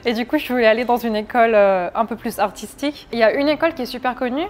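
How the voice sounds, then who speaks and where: A young French woman in her twenties talks candidly as an interview guest, her fairly high voice moving at a quick pace. It's casual conversation, and she often restarts her sentences.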